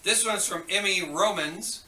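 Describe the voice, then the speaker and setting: Bright-voiced man over the school intercom. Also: high voice, unhurried, echoey room, distant mic, low-quality recording. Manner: chatty, joking, then stern when scolding. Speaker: school administrator giving morning announcements. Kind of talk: school morning announcements.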